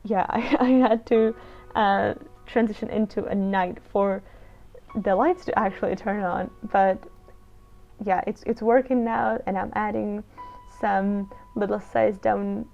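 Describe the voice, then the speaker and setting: This is a creator from the Czech Republic, speaking with a Czech accent, chatting off the cuff about her decisions as she walks through a game build. She has a creaky, slightly mellow medium-pitched voice, delivered unhurriedly with fairly even intonation. Background music accompanies the dull, lo-fi recording.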